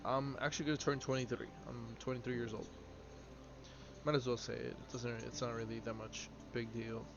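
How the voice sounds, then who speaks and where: A man's voice: mid-range voice, flat delivery, fairly quick. A twenty-two-year-old man chatting casually on a live game stream, rambling with lots of fillers as he answers viewers. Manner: rambling, filler-heavy, answers chat offhand. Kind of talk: casual live-stream chat while playing. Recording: slightly dull audio with clear background noise.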